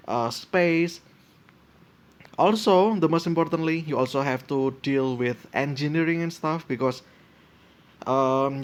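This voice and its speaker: Rambling young man thinking aloud. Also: medium pitch. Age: 20s. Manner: hesitant, full of fillers and restarts, thinking aloud. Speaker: podcast host. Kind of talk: casual solo podcast, reading and reacting.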